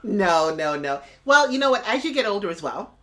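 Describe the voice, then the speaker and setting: A woman's voice: mid-range voice, moderate pace. A woman in her fifties co-hosting a casual podcast chat, frank and teasing. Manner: frank, teasing, animated quoting. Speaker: podcast co-host.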